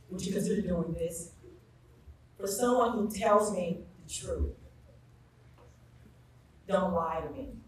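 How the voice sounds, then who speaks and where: A woman's voice: mid-range voice, a little hiss or hum. Emphatic woman speaking in an echoey hall. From South Carolina. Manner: emphatic, rising on repeated phrases. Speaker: school staff speaker at a ceremony. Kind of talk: heartfelt tribute speech. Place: school gathering space with a live audience. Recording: echoey room, voice from far off.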